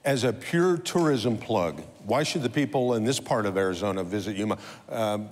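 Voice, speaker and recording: Playful talk show host, echoing hall. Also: male voice, on the low side, lively intonation, normal speed. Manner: playful, teasing, upbeat. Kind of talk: live morning talk show hosting.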